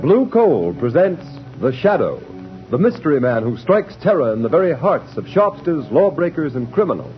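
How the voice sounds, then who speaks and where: High, emphatic male radio announcer. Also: sing-song, normal speed, faint music behind. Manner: emphatic, formal, dramatic. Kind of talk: 1930s radio announcing and advertising. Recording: muffled 1930s radio recording.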